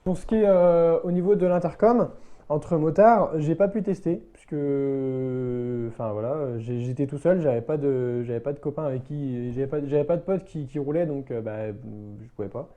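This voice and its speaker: A motorbike vlogger with a mid-range, dark-toned voice gives a casual, unscripted product review. He speaks hesitantly and haltingly, circling back to rephrase his points.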